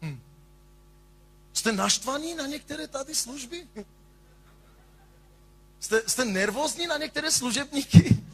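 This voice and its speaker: A male pastor preaching a sermon with passion, moving from sung, shouted lines to quiet asides. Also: very high-pitched, animated, long pauses.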